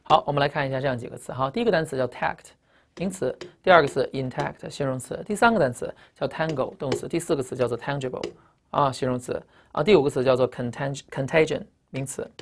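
A woman's voice: extremely low pitch, fast talker, a little hiss or hum. A woman with Chinese as her first language teaching English vocabulary in a recorded lecture, emphatic, asking rhetorical questions and spelling out word roots.

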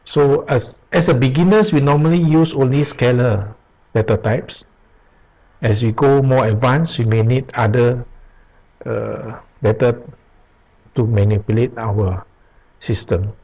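A male programming tutor narrates a screen-recorded tutorial at his computer, reading from web pages slowly and haltingly with pauses and restarts. His mid-range voice is steady, dark, and husky, captured on a low-quality recording.

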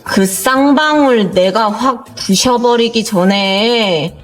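Audio drama: actress as demanding, angry young woman, emphatic, fairly high voice over faint music. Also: takes it slowly. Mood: furious. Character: furious, imperious young woman giving orders.

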